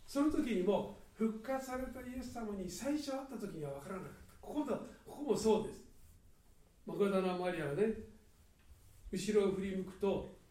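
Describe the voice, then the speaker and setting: A man preaching a sermon earnestly, swinging between loud and hushed delivery. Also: sits high, animated, moderate pace. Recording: echoey hall, mic at a distance.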